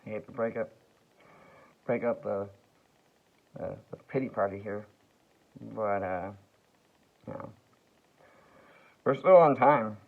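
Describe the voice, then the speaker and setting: A man rambling through a slow, halting vlog monologue full of fillers and restarts. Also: on the low side. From United States. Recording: tinny phone-like sound.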